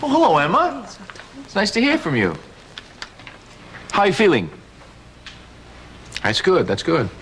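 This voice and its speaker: A man's voice: high-pitched, huge pitch swings, unhurried, long pauses, fairly bright tone, slight background noise, full character voice. An actor playing a friendly, chatty family man in a daytime soap, heard from an old VHS tape recording. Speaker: soap opera character.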